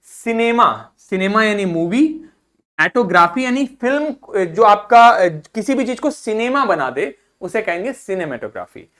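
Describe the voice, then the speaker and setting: A man's voice: sits high, big pitch swings, a little slow, a bit bright. A man teaching a vocabulary lesson to students, explaining word roots in Hindi mixed with English terms, breaking words into syllables and having the class repeat them. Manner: drills pronunciation, breaks words into parts, asks class to repeat. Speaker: school teacher.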